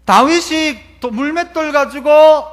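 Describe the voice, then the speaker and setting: A man's voice: very high voice, slow pace, fairly bright tone. A male pastor, preaching a sermon and asking the congregation question after question. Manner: acts out quoted voices. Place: church sanctuary.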